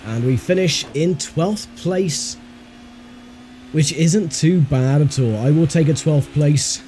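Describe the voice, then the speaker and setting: Mellow, fairly high-voiced male sim racer. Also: slow. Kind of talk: casual gameplay commentary. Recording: faint engine noise behind voice. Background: racing game car sounds.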